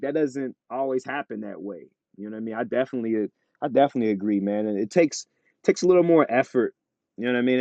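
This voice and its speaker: A man's voice: mid-range voice, a little mellow, no room sound, highs cut off. A man in a casual interview chat as a rapper guest, laid-back and full of "you know what I'm saying".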